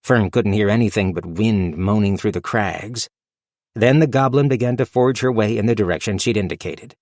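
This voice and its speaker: A man reading a fantasy audiobook as narrator in a steady, measured storytelling manner. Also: fairly low pitch, no room sound, studio quality. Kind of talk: scripted narration.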